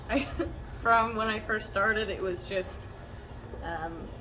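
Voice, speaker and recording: A woman's voice: medium pitch, takes it slowly, rough recording. A woman chatting casually as a farm worker being interviewed inside a barn, hesitant and thinking aloud. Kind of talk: casual chat. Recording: loud animal and barn noise. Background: animals, loud farm noise.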